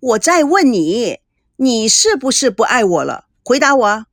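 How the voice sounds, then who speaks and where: Young woman, hurt and near tears, high-pitched and loud with it, voiced by a female narrator. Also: very animated, normal speed, dry recording, studio quality. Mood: upset, accusing. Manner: loud, tearful, accusing.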